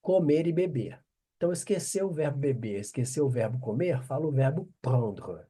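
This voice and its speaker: A man with a Brazilian Portuguese accent teaching a French lesson online, slowly and patiently repeating each French word. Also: medium pitch, expressive, warm tone, breathy edge. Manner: slow, patient, spells out French words with deliberate repetition.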